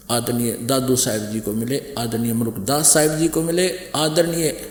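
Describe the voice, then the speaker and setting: Man preaching in an echoey hall. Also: fairly high pitch. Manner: repetitive, emphatic, cites scripture verse by verse. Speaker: spiritual preacher. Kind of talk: religious discourse. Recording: echoey hall with long reverb.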